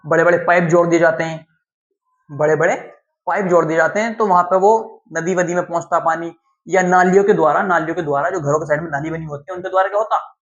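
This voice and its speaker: Male teacher repeating key terms, lo-fi. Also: a little high. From Uttar Pradesh, India. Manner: repetitive, drills key terms, asks and answers own questions. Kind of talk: classroom lecture. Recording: dull lo-fi sound.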